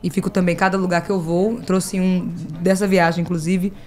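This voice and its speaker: A woman with a Brazilian accent, a podcast guest who tells stories in a lively way and acts out the dialogue with laughter. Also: fairly low pitch, a little fast. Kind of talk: casual chat.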